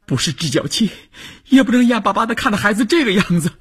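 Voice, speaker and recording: A heartbroken mother cries out in a high, strained voice, as a male storyteller puts her on in a radio novel. Her pleas crack and climb, husky and breathy at the edges, each word pushed out through tears. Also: lively intonation, fast, fairly bright tone, full character voice. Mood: pleading. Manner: choked, pleading, rising to shrill outcries. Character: distraught middle-aged mother, pleading and shrill.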